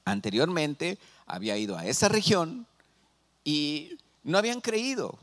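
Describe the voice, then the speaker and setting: Man, Mexican Spanish accent, pastor, sermon, middle-aged, lively pitch, asks congregation questions. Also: a little slow.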